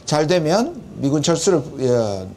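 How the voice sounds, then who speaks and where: Higher-voiced man reporting as expert correspondent. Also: very animated, unhurried, dark tone, a little hiss or hum. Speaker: professor acting as field correspondent. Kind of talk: conversational on-site report and commentary.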